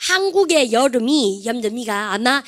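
Lively woman teaching a grammar class. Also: on the high side, normal speed. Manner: lively, quizzing students with rhetorical questions. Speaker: English teacher.

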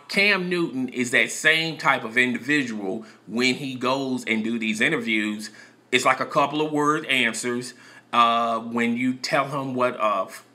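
A man's voice: mid-range voice, bright, forceful tone. A man giving opinionated, lecturing commentary in a casual voice-over.

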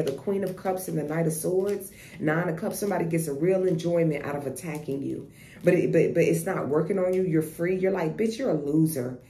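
A woman's voice: fairly low pitch, dark tone. A woman giving a casual tarot reading, blunt and profane, often repeating herself and restarting. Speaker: tarot reader. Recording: echoey room with faint noise.

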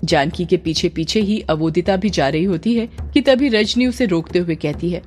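A woman narrating a scripted story in a steady, plain storytelling manner. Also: on the low side, moderate pace, a little hiss or hum.

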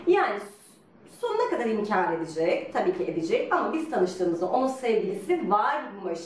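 A woman telling a story in a lively, teasing way, laughing often as she talks. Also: mid-range voice, moderate pace, slight background noise. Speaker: guest telling her couple's story. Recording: roomy echo from a distance.

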